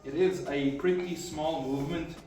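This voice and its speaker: In a casual training vlog, a man who arm wrestles talks through his exercises between sets, loose and full of fillers, occasionally out of breath. His voice is a little high, mellow and fairly even at a normal speed, with echoey room sound from a distant camera and faint music behind.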